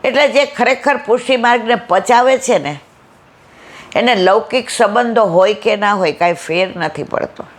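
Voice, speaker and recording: A woman's voice: a little high, normal speed. A woman giving a devotional satsang sermon, telling stories with rhetorical questions and acted-out dialogue. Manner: animated storytelling, rhetorical questions, acts out dialogue. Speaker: satsang speaker.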